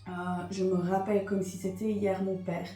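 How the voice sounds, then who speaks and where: A woman's voice: medium pitch, level tone, moderate pace, warm tone, roomy sound, soft background music. Hesitant woman with a Liège accent. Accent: Liège, Belgian French. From Belgium. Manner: hesitant, many fillers and repetitions. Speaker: vlogger. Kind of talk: casual confessional chat.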